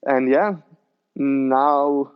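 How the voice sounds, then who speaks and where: A man's voice: medium pitch, very slow, clear, resonant tone, phone-quality sound. A young man in his twenties, a BMX rider guest, chatting loosely about himself with slightly phrasing. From Switzerland. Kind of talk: casual interview.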